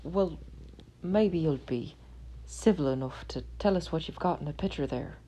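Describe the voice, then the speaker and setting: A woman's voice: low-pitched, moderate pace, dark tone, a little hiss or hum, lightly acted. A woman doing a blunt young farmer. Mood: scoffing. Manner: blunt, demanding questions. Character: bold young farmer man, greedy and blunt.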